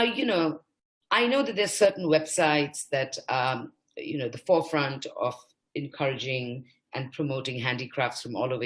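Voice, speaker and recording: A woman from India speaking as a panelist, making impassioned, emphatic points that climb higher in pitch when she stresses them. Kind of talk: panel discussion.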